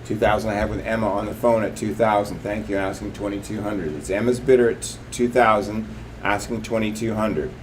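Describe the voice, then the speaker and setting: A man's voice: on the low side, steady tone, brisk, a little hiss or hum, low-quality recording. A man working as a live auctioneer, calling bids and increments in repetitive, clipped patter.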